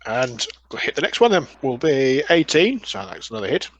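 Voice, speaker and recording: A man's voice: fairly high pitch, sing-song, normal speed, vocal fry, poor audio. A man playing in a tabletop game, checking rules and adding up his rolls aloud. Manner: works through rules and dice sums aloud. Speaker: player. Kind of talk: casual tabletop play.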